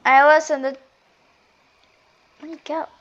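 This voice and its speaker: A woman with a fairly high voice talks her way through a game in casual running commentary. She often seems to address herself, moving between muttered asides and louder outbursts. The microphone sounds slightly dull and lo-fi. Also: little pitch movement, unhurried. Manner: chatty running commentary, often talking to self; volume swings from muttering to loud exclamations.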